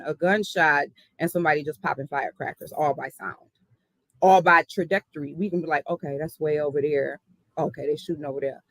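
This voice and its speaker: A woman's voice: deep voice, fairly bright tone, dry recording, low-quality recording. A woman from the South Side of Chicago, a hip hop artist telling her story in an earnest, reflective interview.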